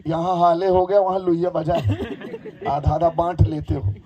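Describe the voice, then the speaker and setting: A hoarse man preaching a sermon, telling stories with animation and coaxing the crowd into call-and-response. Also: fairly high pitch, level tone, moderate pace, dull audio.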